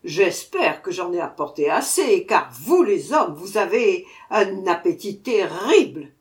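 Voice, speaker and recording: A woman voicing an irascible tiny bearded male dwarf who shouts his demands in a storybook reading. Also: high-pitched, animated, a little slow, voice pushed up. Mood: pensive.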